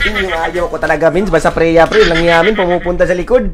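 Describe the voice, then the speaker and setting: A young man giving excitable live commentary on his own gameplay, often shouting and laughing as he talks to teammates. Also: fairly high pitch, a little fast, very noisy. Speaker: game streamer.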